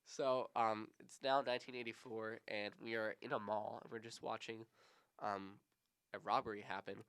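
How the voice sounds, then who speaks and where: A man's voice: lowish voice, level tone, normal speed, a bit bright, clear, resonant tone. A man in his twenties co-hosting a podcast, chatting casually in a rambling, laid-back way. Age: 20s. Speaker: podcast co-host. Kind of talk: casual chat.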